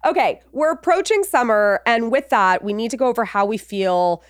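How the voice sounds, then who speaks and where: A woman with an American accent co-hosts a casual podcast. Her voice is fairly high and a little stuffed up from a cold. The sound is very dry, with no room around it. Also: moderate pace, clean tone, dry recording. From Los Angeles, United States. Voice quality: congested, stuffy nose from a cold. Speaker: podcast co-host.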